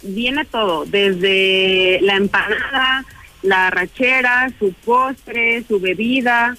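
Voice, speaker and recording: A woman's voice: medium pitch, slow, sharp tone. A woman with a Mexican accent giving a conversational radio promotion, explaining an offer in a chatty way. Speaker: restaurant representative promoting an offer.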